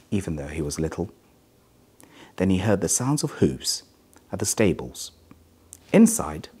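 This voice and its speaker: Reading a scripted children's story, a middle-aged man who runs a hospital speaks in a deep, gravelly voice. His delivery stays measured yet expressive, with large pitch shifts between phrases.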